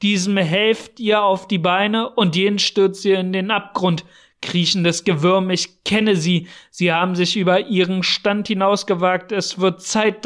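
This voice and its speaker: A man voicing a short, explosive, arrogant older male scientist who blusters and sneers in an audiobook reading. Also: sits high. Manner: blustering and contemptuous, bursting into shouting.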